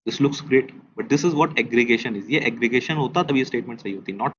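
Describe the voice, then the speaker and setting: A man teaching a test review, mixing Hindi and English as he goes. He reads key statements out slowly, repeats them, and keeps putting questions to his class. The recording sounds dull and lo-fi, with a faint hiss behind it. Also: medium pitch. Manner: quizzes students with questions. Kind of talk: test discussion lecture.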